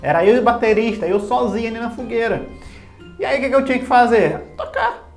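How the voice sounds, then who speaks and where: Um homem, professor de música, contando de forma descontraída e bem-humorada uma história pessoal, zombando de si mesmo. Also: male voice, very high voice, fast talker. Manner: animated, self-mocking and humorous. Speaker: music teacher. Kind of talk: casual personal storytelling. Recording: echoey room with faint music.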